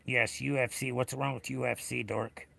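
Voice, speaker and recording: A middle-aged American man with a raspy, gravelly whiskey voice, chatting casually and bluntly with livestream viewers in a rambling way. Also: mid-range voice, little pitch movement, moderate pace, bright, forceful tone. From United States. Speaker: livestream host.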